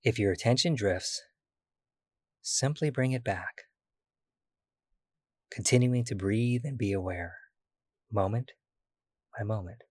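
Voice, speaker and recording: Soft-spoken man guiding a meditation. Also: lowish voice, no room sound, studio quality. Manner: slow, soft and soothing, with long pauses. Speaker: meditation guide. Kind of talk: guided body-scan meditation.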